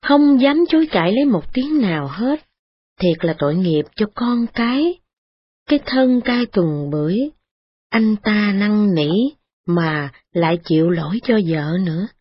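A woman reading a story aloud in a steady, expressive way. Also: mid-range voice, measured pace, husky. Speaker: narrator. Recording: dull lo-fi recording with faint music.

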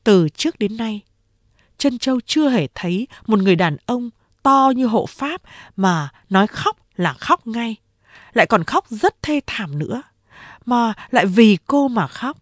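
A woman narrating a novel as an audiobook, in a measured storytelling manner. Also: on the high side, lively intonation, dry recording, studio quality. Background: faint music.

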